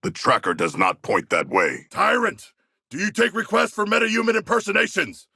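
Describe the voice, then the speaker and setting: A man voicing a huge, earnest, proudly ferocious shark-man warrior in a video game, with gravelly, stiffly formal and grandiose diction. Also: high-pitched, big pitch swings, normal speed, sharp tone, dry recording, studio quality, exaggerated voice. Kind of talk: video game character battle barks.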